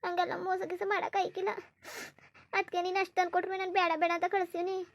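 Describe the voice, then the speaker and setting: A very high, gravelly voice of a young village sweetheart in a cartoon, as a woman puts her on. She talks fast and anxiously, pleading in a rural Kannada accent. Her worried words tumble out quickly. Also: level tone, no echo. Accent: rural Karnataka Kannada. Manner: pleading, worried, speaks of family fears. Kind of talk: cartoon voice acting.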